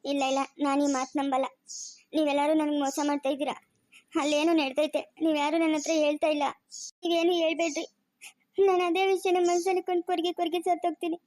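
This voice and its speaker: A woman's voice: high voice, little pitch movement, fast talker, a little mellow, natural voice. A woman playing a pleading, anxious mother. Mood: distressed. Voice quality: emotional, pleading. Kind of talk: amateur family drama acting.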